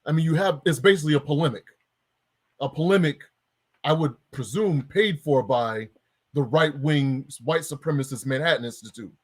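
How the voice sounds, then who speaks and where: A man's voice: on the high side, normal speed. Wry man hosting an interview. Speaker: podcast host. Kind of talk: conversational interview.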